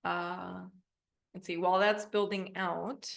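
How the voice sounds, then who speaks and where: A woman's voice: on the low side, level tone, slow, gravelly. A woman teaches an online class in an informal, upbeat, chatty way. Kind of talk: casual live software demo. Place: online video class with screen share.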